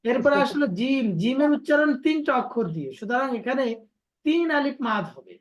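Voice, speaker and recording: A woman's voice: high voice, animated, fairly quick. A woman teacher leading an online lesson on letters and pronunciation, explaining patiently and drilling her students by repetition. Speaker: Quran recitation teacher.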